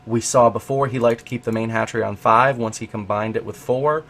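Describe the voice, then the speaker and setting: A man with a brisk, medium-pitched voice is hosting a casual look at a game replay, talking through the player's actions as he goes. Hiccups keep breaking in while his excitement builds over each discovery.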